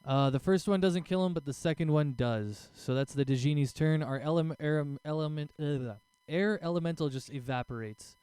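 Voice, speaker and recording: A man's voice: fairly high pitch, normal speed, hardly any pauses, mellow, clear, resonant tone, no room sound. A man acting as game master, casually narrating a tabletop role-playing game.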